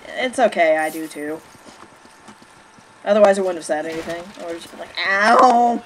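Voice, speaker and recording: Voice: medium pitch, fairly quick, a little mellow, poor audio. A let's play co-host in casual gameplay banter, making dry, teasing jokes. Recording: home gaming recording with clear background noise.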